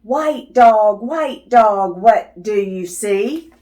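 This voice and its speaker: Warm and expressive, this mid-range female voice moves extremely slowly as she reads a picture book aloud to young children. She's a children's video host with a sing-song, teacherly style, posing questions and confirming responses.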